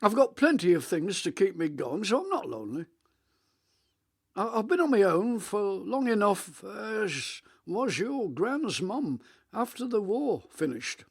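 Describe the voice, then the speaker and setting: A man, playing a rambling, reminiscing elderly grandfather on a video call in a radio monologue; his voice is rich and melodious, with halting restarts. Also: high voice, sing-song, husky, full character voice. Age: 80s.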